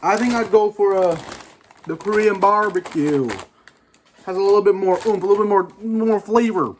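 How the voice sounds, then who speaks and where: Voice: mid-range voice, moderate pace, darkish tone, a little hiss or hum. A snack reviewer chatting casually and informally to viewers, rambling a little while giving opinions. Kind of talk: casual chat food review to camera.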